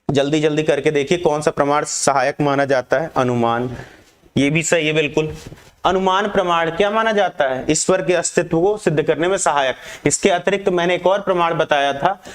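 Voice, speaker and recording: A man with a slightly high voice teaches an online exam-prep lesson, reading questions aloud and pressing students to answer quickly.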